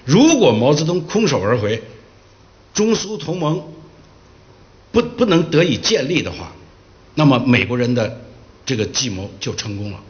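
A man giving a public history lecture, telling the story in a lively way and acting out the quoted dialogue. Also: medium pitch, normal speed, pauses often, dull audio.

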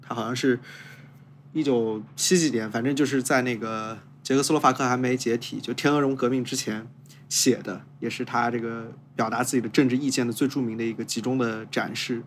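A man's voice: medium pitch, steady tone, fairly quick, a little hiss or hum. A man co-hosting a podcast, responding thoughtfully in casual conversation. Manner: thoughtful, musing. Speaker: podcast co-host. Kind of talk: casual chat.

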